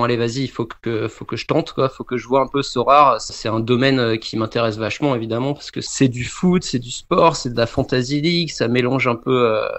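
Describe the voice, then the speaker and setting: A man in his thirties, from France, talks in a relaxed, chatty way as a podcast guest. He keeps circling back with fillers and restarts, at a middle pitch for a man. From France, Bordeaux region. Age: 30s. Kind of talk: casual podcast interview.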